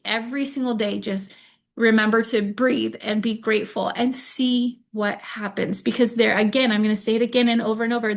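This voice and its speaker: A woman's voice: on the high side, gravelly, a bit bright. A woman presenting an online workshop, upbeat and encouraging, repeating her points for emphasis over a video call microphone. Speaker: webinar presenter.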